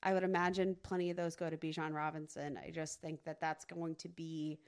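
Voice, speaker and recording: A woman's voice: low voice, level tone, fairly quick, smooth. A woman co-hosting a casual sports podcast, talking emphatically and teasing her co-host, with many fillers.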